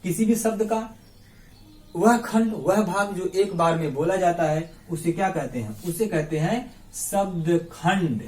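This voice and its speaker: High-voiced teacher drilling syllables in an echoey room. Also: male voice, darkish tone, distant mic, soft background music. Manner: repeats words slowly syllable by syllable, asks the class questions; friendly, calls listeners 'my brother'. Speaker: English grammar teacher. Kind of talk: classroom-style lesson mixing Hindi and English.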